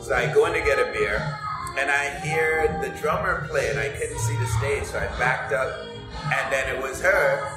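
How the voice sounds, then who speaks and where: A man from Trinidad, leading a band, talking about its history in a casual interview and laughing as he tells stories. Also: mid-range voice. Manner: relaxed storytelling, laughs while telling stories. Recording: echoey room with music behind.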